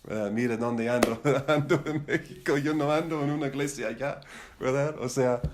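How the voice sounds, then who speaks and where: Over background noise, a middle-aged man with a steady, mid-range voice speaks at normal speed while leading church leaders in Bible study. Not a native Spanish speaker, he teaches in a conversational, rambling way, repeating words and frequently asking for agreement with tag questions.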